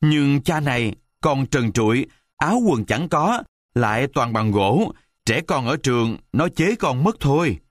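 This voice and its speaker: A man voicing a mischievous young wooden puppet boy in a storybook reading, talking in a high childlike whine. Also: expressive, a little slow, no echo, clean studio sound. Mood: earnest.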